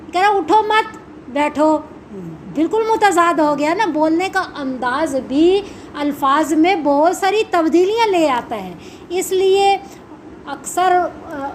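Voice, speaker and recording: A woman's voice: high voice, a little hiss or hum. A woman Quran teacher explaining a religious lesson, asking and answering her own questions. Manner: slow, measured recitation of Arabic supplications.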